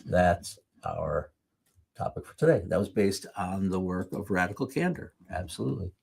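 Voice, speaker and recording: Male speaker, husky and low-pitched, conversational sermon, off-the-cuff with quick self-corrections. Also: expressive, a little mellow. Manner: off-the-cuff, corrects himself mid-sentence. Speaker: speaker at a live church series. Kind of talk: conversational sermon with jokey asides.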